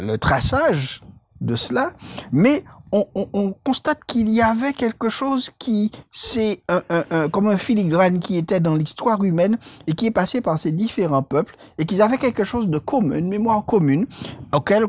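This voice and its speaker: A woman co-hosting a Bible study discussion, speaking in a measured, explanatory way and quoting scripture. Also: low voice, darkish tone. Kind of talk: religious lesson discussion.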